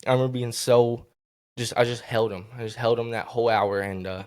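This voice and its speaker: A young man telling an emotional personal story as a podcast guest, halting and earnest, often restarting his sentences. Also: medium pitch, steady tone, a little mellow. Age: young adult.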